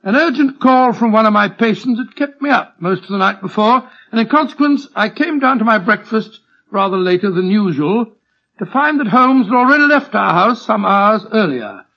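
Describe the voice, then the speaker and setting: An actor playing a genial, easily flustered older British doctor who bumbles and repeats himself, in a 1940s radio drama. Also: male voice, sits high, expressive, normal speed. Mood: storytelling. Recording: muffled old radio recording.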